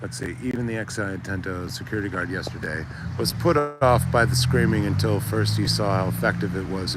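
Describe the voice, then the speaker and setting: A man chatting casually outdoors on a city street at dusk, talking in animated, rambling bursts full of restarts. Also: medium pitch, background noise. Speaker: livestreamer. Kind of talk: casual chat. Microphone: phone camera.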